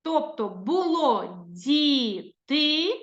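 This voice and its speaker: A Ukrainian-accented woman teaches small children in a high, lively voice that swoops up and down. She speaks slowly and draws out each word. The recording is dull and lo-fi, with a roomy echo. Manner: slow, sing-song teacherly speech, drawing out words. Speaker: preschool teacher. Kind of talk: recorded lesson for young children. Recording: echoey room, dull lo-fi sound.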